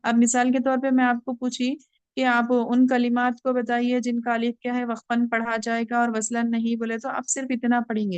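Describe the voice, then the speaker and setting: A woman teaching Quran recitation rules to students, patiently explaining and slowly repeating words to demonstrate. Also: a little high, darkish tone, clear, resonant tone, no echo.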